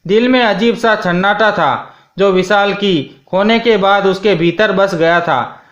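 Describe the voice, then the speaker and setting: Male storyteller, scripted narration, slow dramatic reading, dull lo-fi sound. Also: high-pitched, a bit bright, reverberant.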